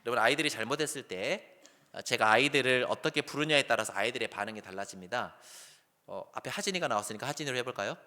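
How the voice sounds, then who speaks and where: A man's voice: mid-range voice, fast. Man preaching in a big reverberant hall. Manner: animated preaching, acts out calls in a raised voice, then drops soft. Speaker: pastor. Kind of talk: sermon. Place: church sanctuary.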